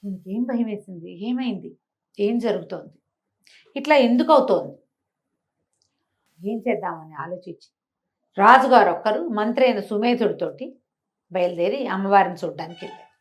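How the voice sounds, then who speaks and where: In an animated talk-show storytelling segment, a woman narrates conversationally and throws in rhetorical questions. Her mid-range voice is expressive, moving at normal speed with frequent pauses.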